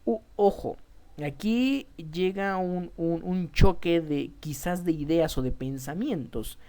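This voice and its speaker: A woman's voice: fairly low pitch, takes it slowly, dark tone. A woman with a Mexican Spanish accent, a teacher giving a public speaking lesson, emphatic and addressing her students directly, often restarting words.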